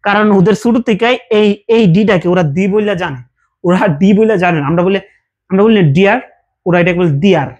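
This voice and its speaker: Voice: medium pitch, darkish tone. A teacher giving a casual language lesson, explaining verb forms patiently with repeated examples and check questions.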